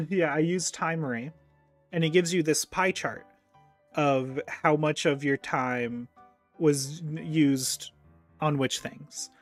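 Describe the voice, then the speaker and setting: A man's voice: a little high, slow, faint music behind. A man hosting a casual chat, talking in a rambling way full of ums and offhand swearing. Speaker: host.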